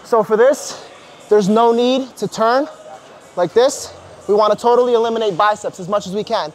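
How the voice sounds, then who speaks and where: A man in his thirties, a personal trainer, giving brisk instructions and encouragement while coaching a workout in a large indoor gym on a lapel mic. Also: sits high, a little mellow, a little hiss or hum.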